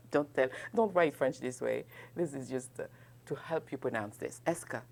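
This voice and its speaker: A woman's voice: rumbling low, sing-song, slow pace, a little mellow. A woman teaching a French grammar lesson, explaining in English and modelling French questions with exaggerated rising intonation, often checking in with "ok?". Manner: checks in often with "ok?", laughs lightly. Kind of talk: bilingual classroom grammar lesson.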